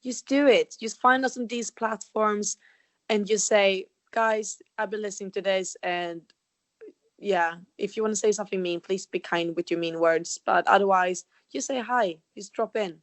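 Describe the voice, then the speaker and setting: A woman's voice: mid-range voice, normal speed, dry recording. A young woman in her twenties with a Swedish accent, co-hosting a casual podcast as a holistic health coach, friendly and easygoing. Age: 20s. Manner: friendly, easygoing, laughs often. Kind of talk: casual chat.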